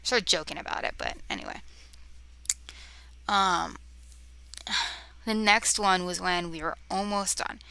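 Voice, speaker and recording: A woman's voice: fairly low pitch, slow pace, creaky, long pauses, bright, forceful tone, no echo. A young woman vlogger telling spooky stories to a cheap camera mic at home, rambling with many fillers and often dropping to a whisper. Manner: easily distracted, talks to her cat. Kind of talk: casual storytelling to camera. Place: bedroom near a road, windows open.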